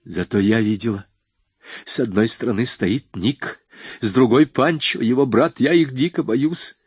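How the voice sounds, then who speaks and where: A man reading an audiobook voices a frightened, bitter young woman with a sharp, mocking tone. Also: mid-range voice, unhurried, husky, dry recording. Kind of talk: audiobook dialogue.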